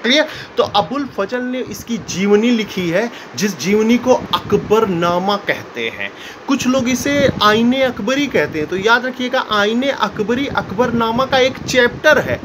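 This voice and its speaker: High-voiced man teaching history. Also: background noise. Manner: explanatory, keeps asking "clear?" and acts out quotes. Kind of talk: school history lesson.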